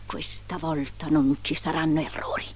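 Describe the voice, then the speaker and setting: A woman voicing a wicked, vain queen in a low, hushed whisper. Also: flat delivery, normal speed, faint music behind, lightly acted. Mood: sinister.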